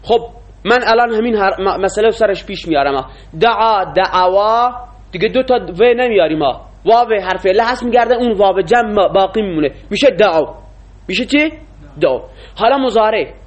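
Guy teaching a class, high voice, keeps asking students questions. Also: animated, highs cut off. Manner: explains in Persian, quizzing students with questions. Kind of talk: classroom lecture.

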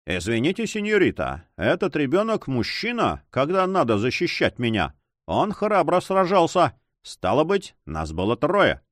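A man's voice: on the high side, huge pitch swings, moderate pace, dry recording, studio quality, pitched above the performer's own voice. A man reading as a cool young count.

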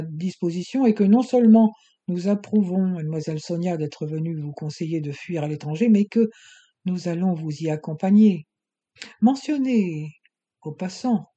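Cold smooth doctor guy, calm menace, dark mellow tone as an audiobook reader puts him on. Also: medium pitch, lo-fi sound, lightly acted. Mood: scheming. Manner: calm, measured, coaxing menace. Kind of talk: audiobook reading.

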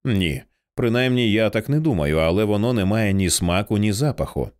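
A man reading aloud, voicing a calm, sardonic British man who talks in a dry, low-key way. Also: normal speed, close to an everyday voice.

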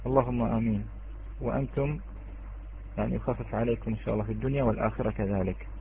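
A man's voice: mid-range voice, fairly even intonation, rapid-fire, slight background noise. A man teaching an online Quran recitation lesson, patiently quizzing students and chanting the example words. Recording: tinny phone-like online audio.

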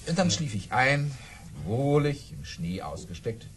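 An actor playing a boastful, jovial aristocratic baron who tells tall tales in a theatrical, savouring way, in a radio play. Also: male voice, medium pitch, big pitch swings, unhurried. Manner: theatrical, savouring storytelling with dramatic swings. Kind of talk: German radio play acting.

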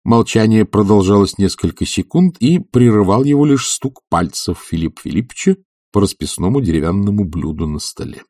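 Husky guy narrating a book, low and lively, dry close sound. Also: fairly quick, no echo. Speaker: audiobook narrator. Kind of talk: scripted narration.

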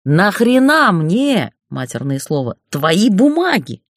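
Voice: medium pitch, big pitch swings, slow, no echo, clean studio sound, voice pushed up, exaggerated voice. A narrator voicing a crude, foul-mouthed middle-aged male boss who bullies and mocks in an audiobook. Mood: angry bullying. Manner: bullying, swearing, mocking. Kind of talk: audiobook character voice.

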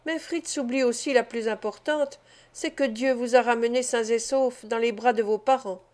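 A woman's voice: on the high side, steady tone, normal speed, darkish tone, natural voice. A woman reading the part of a kindly, wise father speaking to his sons in an audiobook. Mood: approving. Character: kindly wise father, family head, gently teasing.

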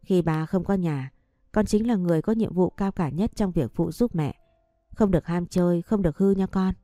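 A woman's voice: on the low side, moderate pace, no room sound, clean studio sound, faint music behind, lightly acted. A woman voicing a tender, regretful young father. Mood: tearful. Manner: gentle, pleading instructions to family.

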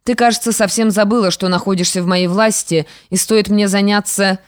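A woman's voice: medium pitch, steady tone, brisk, no room sound, clean studio sound, lightly acted. A woman reading as a scheming spiteful stepmother. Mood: menacing. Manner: falsely sweet, menacing. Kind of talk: audiobook character reading.

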